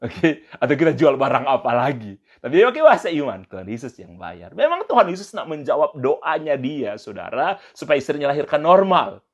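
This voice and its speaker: A male pastor telling a story in a sermon, dramatic and animated. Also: on the high side, fairly quick, few pauses, highs cut off.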